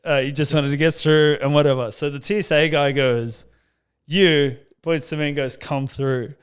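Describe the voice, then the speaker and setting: A man's voice: fairly high pitch, fairly even intonation, a little fast, smooth. A man with an Australian accent hosting a podcast, chatting casually and swearing as he tells stories. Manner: swearing, laughing storyteller. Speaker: podcast host. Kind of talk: casual chat.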